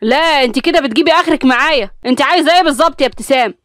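A woman's voice: high-pitched, lively intonation, fast, dry recording, studio quality, pitched above the performer's own voice. A woman with an Egyptian accent voicing an irritated middle-aged father in an audio story. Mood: exasperated. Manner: exasperated, loud.

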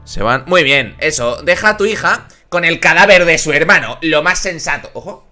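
A man with a Spain Spanish accent giving excitable reaction commentary as a YouTuber, exclaiming at the screen. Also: fairly high pitch, normal speed, faint music behind. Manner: animated, exclaiming and shouting at the screen.

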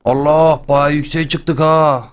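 A young man hosting a game channel, chatting and joking excitedly as he plays. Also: fairly high pitch, takes it slowly, clear, resonant tone. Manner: chatty, excitable, jokes and exclamations. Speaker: gaming channel host. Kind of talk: playful let's-play commentary.

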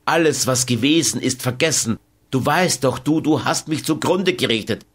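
A man's voice: medium pitch, moderate pace, pitched above the performer's own voice, close to an everyday voice. A man reading an audiobook, voicing a desperate young bandit who begs urgently. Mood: pleading. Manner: pleading, urgent. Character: desperate young soldier-turned-bandit, pleading lover. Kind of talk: audiobook character voice.

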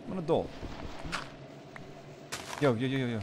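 A young man casually bantering while playing a game, teasing and joking and getting loud when excited. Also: mid-range voice, moderate pace. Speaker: gaming channel host. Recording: noisy gameplay recording.

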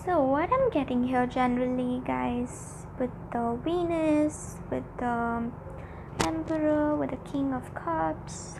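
High-pitched woman giving a mystical tarot reading. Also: slow, creaky, background noise. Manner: repetitive, hesitant phrasing, addressing listeners directly. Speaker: tarot reader. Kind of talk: mystical horoscope-style tarot reading, informal and unscripted.

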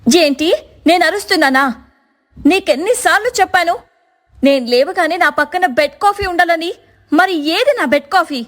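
A woman's voice: very high voice, moderate pace, a bit bright, voice pushed up. A woman voicing a spoiled, demanding young sister-in-law in a cartoon story, talking in a scolding way. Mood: bossy.

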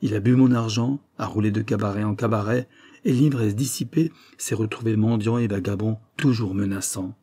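A tormented young man pours out his confession in an audiobook, as a male reader puts him on. The voice is mellow and husky, recorded dry and close, and it climbs to desperate, louder peaks. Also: fairly low pitch, fairly even intonation, normal speed, no echo. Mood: anguished. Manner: tormented, rising to desperate outbursts. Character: anguished guilt-ridden young man confessing. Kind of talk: audiobook reading.

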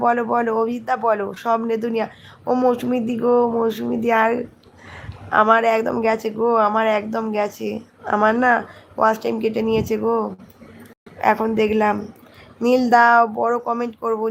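A hoarse woman, chatting casually on a phone livestream and greeting viewers by name. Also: on the high side, little pitch movement, moderate pace, slight background noise. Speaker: live streamer. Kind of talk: casual live chat reading comments.

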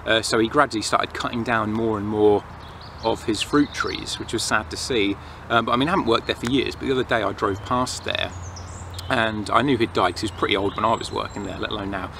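Standing in a forest with distant planes and traffic in the noisy background, a thirtysomething vlogger from England shares his opinions to camera in a relaxed, reflective ramble. His voice is lowish, steady, creaky, and fairly quick, with an English accent.

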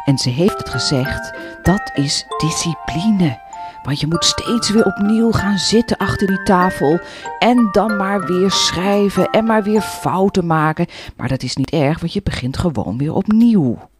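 Woman presenter for kids, low and unhurried, music underneath. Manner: calm, explanatory. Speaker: children's program presenter. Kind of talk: narration for children.

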